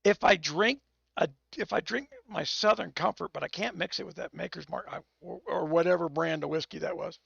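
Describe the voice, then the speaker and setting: A hoarse, tipsy man hosts a live game stream, rambling and swearing through restarts. His voice sits high and is heavily gravelly. The audio is dull and dry, like a lo-fi stream mic. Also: a little fast, a bit bright, no room sound. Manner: rambling and profane, with many restarts. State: tipsy from whiskey. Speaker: game livestreamer.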